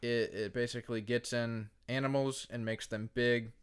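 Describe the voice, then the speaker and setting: A man on a podcast talking in a loose, casual way, swearing often as he walks through a monster movie's plot. His voice sits at an ordinary middle pitch, and he is animated and conversational. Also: moderate pace, smooth. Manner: swears freely, animated retelling of a film plot. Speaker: podcast co-host.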